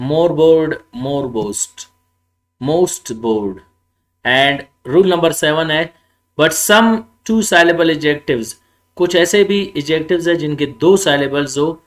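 A male grammar teacher giving a classroom lecture, mixing explanation with slow, spelled-out English examples and answering his own rhetorical questions. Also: fairly high pitch. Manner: asks himself rhetorical questions and then answers them.

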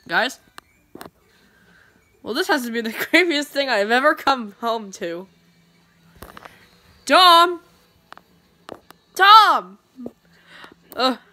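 Reading a webcomic aloud in a dim room, a woman voices each character differently while pointing her phone at a tablet. She speaks in a high-pitched, pushed and bright voice.

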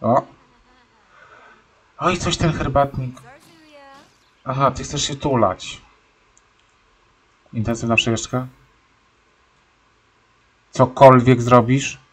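A man's voice: medium pitch, fairly even intonation, slow pace, pauses often, slightly rough. A young man giving casual, sarcastic commentary while playing a life-simulation game, scolding his stubborn horse. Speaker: let's-play gamer.

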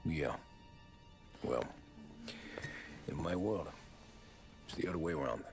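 An actor playing a tired former cab driver turned 1930s gangster, terse and guarded. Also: male voice, extremely low pitch, takes it slowly, vocal fry, soft background music, heavily acted. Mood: guarded, weary. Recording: game audio with loud score.

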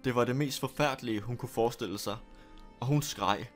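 A man narrating a scary story in a steady, deliberate storytelling manner. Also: medium pitch, soft background music. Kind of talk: scripted horror story narration.

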